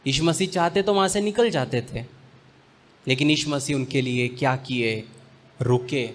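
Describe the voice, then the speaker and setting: A male pastor preaching a sermon, slipping English phrases in among slow, weighty pauses. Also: mid-range voice, slight background noise.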